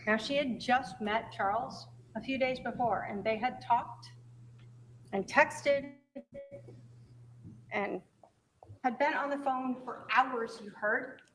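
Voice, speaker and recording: A woman prosecutor delivering an emphatic, deliberate closing argument in a courtroom, with pointed rhetorical phrasing. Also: fairly high pitch. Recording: noisy courtroom recording.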